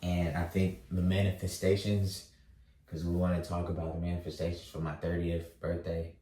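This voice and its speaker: A thirty-year-old man vlogging, talking slowly through his thoughts with lots of fillers and restarts. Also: sits low, completely flat delivery, dark tone, recorded from a distance, slight background noise. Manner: halting, many fillers and restarts. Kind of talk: reflective casual monologue. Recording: roomy echo, voice set back from mic.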